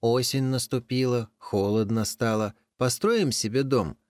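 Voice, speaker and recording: A man's voice: medium pitch, steady tone, unhurried, no echo, studio quality, pitched above the performer's own voice, close to an everyday voice. A man doing a sly coaxing tomcat in a storybook. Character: sly clever tomcat, bold and resourceful.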